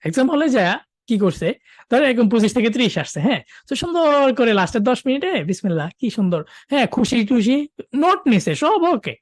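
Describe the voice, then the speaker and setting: A male teacher gives an online exam-prep lesson, joking and animated and often checking in with his listeners. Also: extremely high pitch, brisk, no room sound, clean studio sound.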